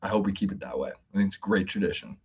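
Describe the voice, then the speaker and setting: A man co-hosting a casual sports podcast, excitable, laughing often and repeating words. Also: low voice, very fast, vocal fry, husky. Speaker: podcast co-host.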